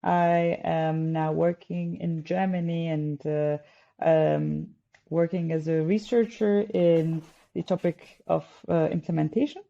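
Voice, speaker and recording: Gravelly-voiced woman from Turkey. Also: low-pitched, steady tone, slow pace, mellow. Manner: hesitant, many fillers. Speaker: guest researcher. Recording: slightly dull audio.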